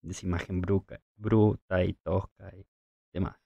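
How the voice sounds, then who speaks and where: A man's voice: deep voice, flat delivery, moderate pace, gravelly, mellow, no room sound, muffled recording. A man co-hosting a podcast, telling Bible stories in reflective religious talk with a thoughtful storytelling manner. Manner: thoughtful storytelling with occasional chuckles. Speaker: podcast co-host.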